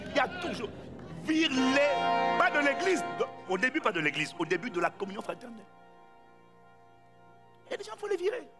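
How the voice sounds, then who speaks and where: A man preaching a sermon to a congregation, calling out to them and shouting his points for emphasis. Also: high voice.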